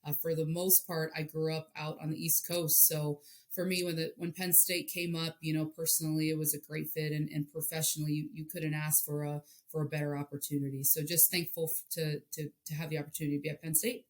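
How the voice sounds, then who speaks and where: Low-voiced earnest woman coach. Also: level tone, a little fast, few pauses. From Hawaii. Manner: earnest, repeats words while searching for them. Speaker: softball head coach. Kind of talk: interview guest.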